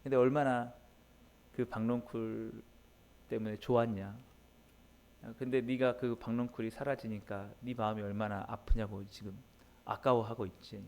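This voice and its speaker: A man's voice: fairly low pitch, little pitch movement, moderate pace, vocal fry, darkish tone. A man preaching an early-morning sermon as pastor. He speaks emphatically in a conversational way, often turning to address the congregation directly.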